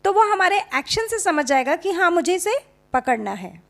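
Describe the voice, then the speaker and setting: Very high-voiced and very animated, a female YouTube teacher gives a home-teaching lesson in Hindi sprinkled with English. She goes at a deliberate pace, repeating example sentences.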